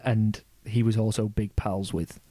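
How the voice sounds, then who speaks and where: A man's voice: lowish voice, flat delivery, measured pace, warm tone, no echo. Rambling, sweary man. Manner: rambling, sweary storytelling with frequent restarts. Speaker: podcast guest explaining history. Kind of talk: casual chat.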